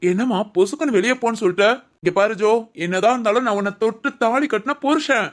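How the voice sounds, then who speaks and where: ஒரு ஆண் நடிக்கும் கிண்டல் செய்யும் இளம் கணவன், சற்று உயர்ந்த குரல், கெஞ்சும் கேலிப் பேச்சு. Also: male voice, high voice, quick pace, close to an everyday voice. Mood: teasing. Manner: teasing, pleading, wheedling. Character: playful teasing young husband. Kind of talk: comic family drama acting.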